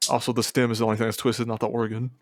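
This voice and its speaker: A man's voice: mid-range voice, level tone, very fast, a little hiss or hum. A man co-hosting a casual animation podcast, laid-back, laughing often and rambling through asides. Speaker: podcast co-host. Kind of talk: casual chat.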